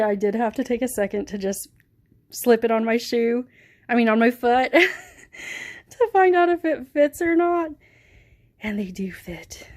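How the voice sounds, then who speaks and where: A young woman vlogging as she unboxes shoes, gushing and giggly, breathless with excitement. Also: fairly high pitch. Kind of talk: casual unboxing vlog.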